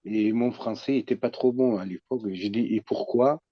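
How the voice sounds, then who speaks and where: A middle-aged man, a psychoanalyst sharing a personal story in an earnest, halting way. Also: mid-range voice, dry recording. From Iraqi Kurdistan. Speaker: psychoanalyst, participant. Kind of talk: personal testimony. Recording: dull lo-fi audio.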